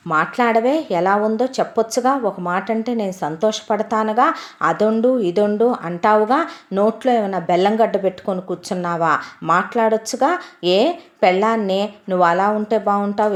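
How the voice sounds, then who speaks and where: A woman's voice: medium pitch, moderate pace, natural voice. A woman voicing a bold young village wife who insists on getting her way, speaking in a raised, nagging tone.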